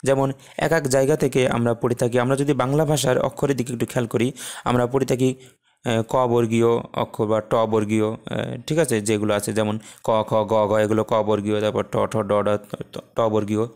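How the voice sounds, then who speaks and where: Man teaching Arabic letters slowly. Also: medium pitch, flat delivery, darkish tone. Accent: Bangladeshi Bengali. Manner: slow, drawn-out letter pronunciations between plain explanation. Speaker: Quran recitation teacher. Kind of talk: explanatory lesson.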